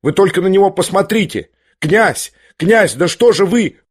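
A man's voice: sits high, expressive, moderate pace, slightly rough, dry recording, pitched above the performer's own voice. An alarmed teenage boy, calling out urgently in a raised voice, as a male narrator puts him on. The sound is close and dry. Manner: urgent, shouting.

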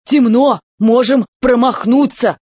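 Woman doing a husky plodding robot soldier. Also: fairly high pitch, a little mellow, no room sound. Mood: plodding dutiful. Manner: slow, plodding delivery. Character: slow, dutiful male robot soldier, simple-minded.

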